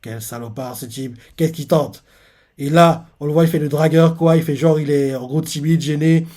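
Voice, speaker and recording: Excitable man recapping a manga chapter. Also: fairly high pitch, normal speed. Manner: rambling, many fillers and restarts, excitable. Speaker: reaction channel host.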